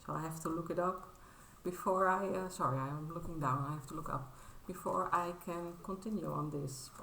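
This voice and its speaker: A woman in her thirties from the Netherlands presents crafts on a casual English-language vlog, her voice low, gravelly, bright and slightly tense. She hesitates a great deal, padding pauses with fillers and starting sentences over, modest and apologetic. Behind her, the echoey room carries a faint hum.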